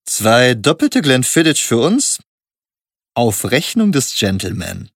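A man's voice: mid-range voice, sing-song, takes it slowly, slightly rough, no room sound, studio quality, heavily acted. A man voicing a gaunt, cruel-faced thug in a bar who barks and taunts. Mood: cold mocking. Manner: barking, taunting.

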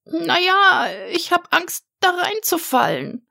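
A woman voicing a timid, sniffling little male dragon with a high, fearful voice in a storybook reading. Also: sing-song, slow pace, vocal fry, pushed and bright, no room sound, clean studio sound, full character voice.

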